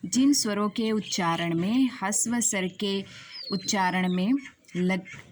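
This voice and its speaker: A woman teaching a grammar lesson to students, asking questions and slowly repeating each key definition. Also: medium pitch, a little hiss or hum.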